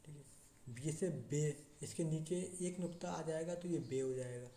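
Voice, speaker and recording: A teacher giving a slow classroom lesson, repeating points and checking in as they explain. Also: mid-range voice, dark tone. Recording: echoey room with faint noise.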